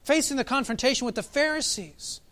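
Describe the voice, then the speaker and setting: A man preaching a sermon as pastor, reflective, asking his listeners questions and slowing down for emphasis. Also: extremely high pitch, bright, forceful tone. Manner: reflective, asks the congregation questions, varies pace for emphasis.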